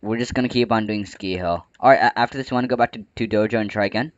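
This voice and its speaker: Hiccuping young gamer, dull lo-fi mic. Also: male voice, lowish voice, very fast, no room sound. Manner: playful trash talk. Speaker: gaming channel host. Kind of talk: casual gameplay commentary. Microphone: close desk microphone.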